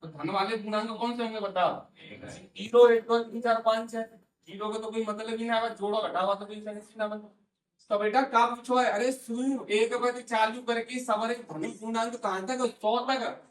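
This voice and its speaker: A man with a teaches maths in a classroom. He coaxes the students and quizzes them, then repeats their answers back. His high voice comes from a mic set well away from him, with a roomy echo. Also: fairly even intonation, normal speed. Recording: echoey room, voice from far off mic.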